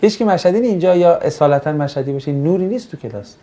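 A religious studies teacher jokes with his class, bantering and firing questions at students during a lesson. His voice is fairly high and animated, with a dark tone.

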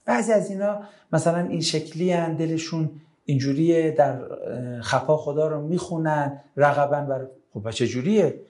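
Animated, fairly high-voiced male religious lecturer. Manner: animated, rhetorical questions, acts out exchanges. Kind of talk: lecture with audience questions.

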